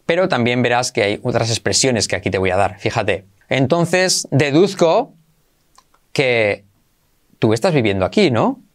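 Lively Spanish-speaking man teaching English. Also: medium pitch. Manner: models phrases slowly, repeats them, explains pronunciation. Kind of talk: bilingual language lesson.

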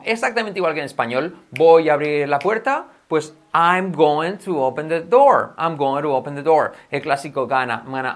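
A man from Spain with a Spanish accent, teaching English in a chatty, lively video lesson, repeating examples slowly and clearly. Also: a little high. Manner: switches between Spanish and English, repeats examples with drawn-out pronunciation.

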